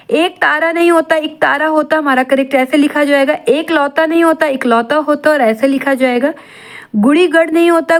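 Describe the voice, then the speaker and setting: A woman teacher running an exam-prep grammar lesson, drilling points in a steady, repetitive way and asking and answering her own questions. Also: sits high.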